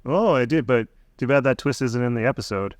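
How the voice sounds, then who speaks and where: A man's voice: medium pitch, fairly quick, dry recording. A man co-hosting a casual review podcast, playful and fond of silly bits. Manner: playful, goes into silly voices. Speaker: podcast co-host. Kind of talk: casual chat.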